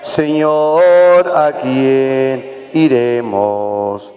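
A male church cantor with a Mexican Spanish accent sings a communion hymn during mass in a parish church, drawn out and devotional. His mid-range voice is steady and warm and extremely slow, with faint music behind, accompaniment and long church reverb.

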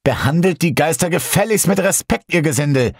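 A man's voice: sits high, lively intonation, moderate pace, a bit bright, no room sound, studio quality, pitched above the performer's own voice, exaggerated voice. A man playing a hammy teen boy mock-summoning spirits. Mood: mock-theatrical. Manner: mock-solemn, theatrical. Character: playful teen boy hosting a seance, theatrical.

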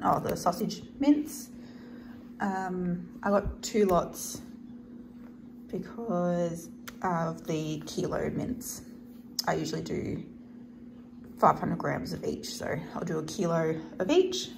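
A woman with an Australian accent takes her time showing a grocery haul to camera, her voice on the low side and touched with vocal fry. She speaks without a script and tends to trail off, against some background noise.

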